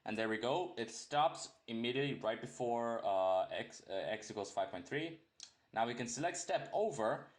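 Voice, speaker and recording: In this laid-back screen-recorded coding tutorial, a young native English-speaking tutor talks at a normal pace in an expressive, mid-range voice. His lesson wanders, with frequent self-corrections and jokes along the way.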